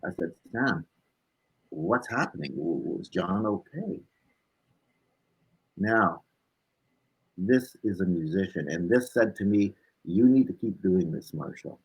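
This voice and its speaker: On a rough recording, a blues musician guest talks in a low, creaky, slightly rough voice, taking it slowly with long pauses. He animatedly recounts personal stories in a casual interview, performing snippets of dialogue and ending phrases with "right?".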